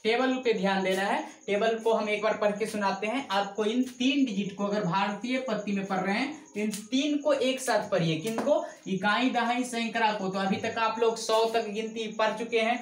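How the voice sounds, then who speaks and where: A woman with a fairly high voice teaches a math lesson in an echoey classroom. She counts numbers aloud at a steady pace and asks questions that she then answers herself. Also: normal speed, hardly any pauses. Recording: echoey room.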